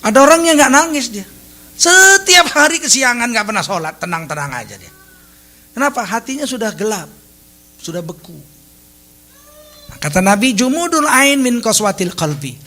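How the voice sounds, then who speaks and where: A male preacher with a high, bright, ringing voice delivers a lively sermon. He shifts between earnest teaching and playful humor, now and then acting out short voices. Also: moderate pace, pauses often. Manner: animated, humorous, acts out little quoted voices. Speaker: Islamic preacher.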